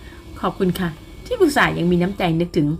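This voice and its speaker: A woman voicing a proud, quick-tempered young woman in an audiobook romance, giving short, sharp retorts. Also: fairly low pitch, sing-song, a little hiss or hum. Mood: curt.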